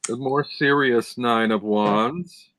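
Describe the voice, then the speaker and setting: A man's voice: medium pitch, slow, fairly bright tone, no echo. A man co-hosting a casual live-stream chat, talking enthusiastically and describing details over a video call. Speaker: tarot deck reviewer, co-host.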